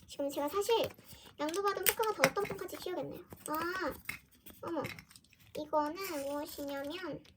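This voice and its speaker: A woman chatting casually through an unboxing for her fan vlog, often exclaiming softly as she goes. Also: high voice, moderate pace, very noisy. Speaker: fan vlogger.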